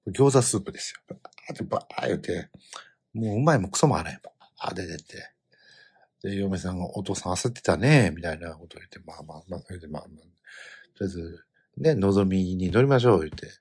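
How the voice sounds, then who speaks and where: Husky middle-aged Kansai man telling a story. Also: low-pitched, quick pace. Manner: animated storytelling, bursts into loud quoted outbursts. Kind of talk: casual chat.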